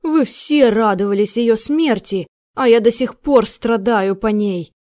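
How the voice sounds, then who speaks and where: A woman's voice: on the high side, a little slow, a little mellow, no room sound, clean studio sound, natural voice. A woman voicing an obsessed, frantic thin man in his thirties, pleading in a rapturous way. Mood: indignant.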